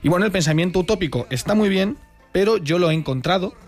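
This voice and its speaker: A man's voice: high voice, expressive, quick pace, faint music behind. A man presenting a radio segment in a studio, enthusiastic and jokey, often adding tag questions. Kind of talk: chatty radio talk segment. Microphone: studio microphone.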